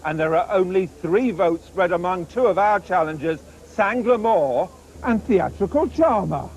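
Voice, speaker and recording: A man's voice: high-pitched, expressive, a little slow, darkish tone, low-quality recording. A man reporting live on the betting at a racecourse in jokey, colourful slang.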